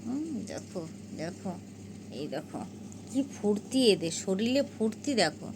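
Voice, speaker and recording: Woman, home vlogger, affectionate chatty delivery, mid pitch, noisy room. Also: expressive, normal speed. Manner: fond, chatty, coaxing pets with repeated calls. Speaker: cat owner vlogger. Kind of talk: casual home vlog narration.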